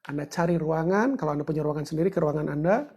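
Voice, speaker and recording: A woman's voice: sits low, fast talker, a little mellow, breathy edge. A woman giving a chatty, joking livestreamed teaching talk, greeting viewers and walking them through steps. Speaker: book discussion presenter.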